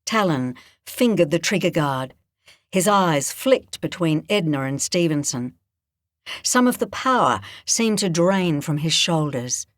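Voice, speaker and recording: A woman narrating a thriller audiobook in a measured, expressive way. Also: sits low, no echo, clean studio sound. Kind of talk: scripted narration.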